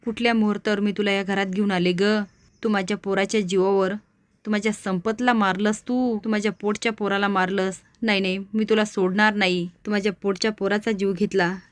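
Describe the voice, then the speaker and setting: A wailing old grandmother, shattered by grief and scolding without pause, as a woman reads her lines. The delivery stays flat and level, and the sound is dry and close. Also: mid-range voice, dry recording, close to an everyday voice. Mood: anguished. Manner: scolding, accusing. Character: grieving furious elderly grandmother, wailing.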